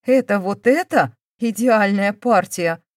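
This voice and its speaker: A woman's voice: mid-range voice, moderate pace, darkish tone, dry recording, clean studio sound, natural voice. A woman doing a sarcastic, defiant young woman. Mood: mocking. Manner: mocking, cold.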